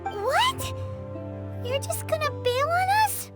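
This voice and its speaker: A woman voicing a tiny, childlike, cheeky fairy companion with a squeaky voice in an overacted anime game dub. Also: animated, takes it slowly, a bit bright, faint music behind, heavily acted. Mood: indignant, puzzled. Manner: squeaky, speaks of self in third person.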